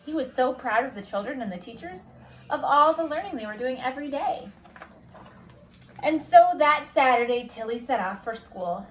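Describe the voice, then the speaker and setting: At a kitchen table at home, a woman reads a children's storybook aloud expressively, much like a teacher reading to children. Her voice sits high and moves at a normal speed, and the recording is rough.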